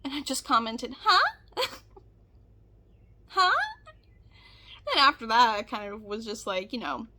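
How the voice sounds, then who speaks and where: A woman's voice: fairly high pitch, normal speed, long pauses, noisy background. A woman reacting casually to online comments, reading them aloud in disbelief with sarcastic, mock-earnest understatement.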